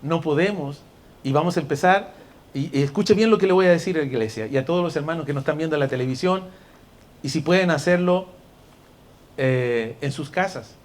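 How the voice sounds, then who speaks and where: A high-pitched man delivers a fervent church sermon. He speaks to the congregation as brother and dear one, and his voice swings from soft, intimate asides to loud, shouted exhortation. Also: fairly quick. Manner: addresses listeners directly as brother and dear one. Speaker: pastor.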